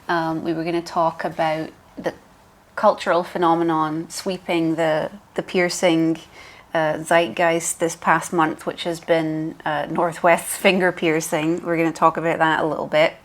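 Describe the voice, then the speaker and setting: A woman's voice: low-pitched, level tone, unhurried. A woman co-hosting a podcast as a professional piercer, explaining steadily with frequent ums. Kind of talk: casual chat.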